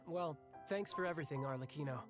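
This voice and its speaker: An actor voicing a cheerful, cocky young fighter who talks in a breezy, upbeat way. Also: male voice, a little high, quick pace, natural voice. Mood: friendly. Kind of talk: game dialogue. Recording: game audio with music behind.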